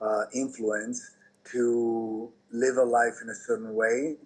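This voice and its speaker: A man from Italy, a guest in an interview, speaking in a measured, reflective way with many fillers and restarts. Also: medium pitch, flat delivery, a little mellow, husky, poor audio. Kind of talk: interview conversation.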